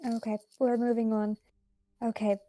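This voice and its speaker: A woman playing a tabletop game over a voice call, speaking gently. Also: a little high, little pitch movement, normal speed, soft background music. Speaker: player. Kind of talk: casual play over a voice call.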